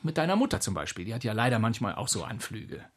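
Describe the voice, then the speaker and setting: A man's voice: on the low side, sing-song, fast talker, husky. A man playing a pedantic, smug, know-it-all father in a radio comedy sketch. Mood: lecturing. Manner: lecturing, smug, over-precise. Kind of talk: scripted radio comedy acting.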